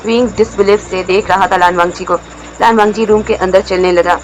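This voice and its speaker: A woman's voice: fairly even intonation, fairly quick, faint music behind, low-quality recording. A woman reading a romance story aloud, narrating and voicing every character herself. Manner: reads every character herself, shifting pitch for dialogue.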